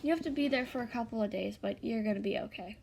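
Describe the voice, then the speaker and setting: A woman's voice: fairly high pitch, fast talker, gravelly, a little mellow, slight background noise. A young woman reading her own fan fiction aloud in a tired, plain way, with small slips. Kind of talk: reading a self-written fan story.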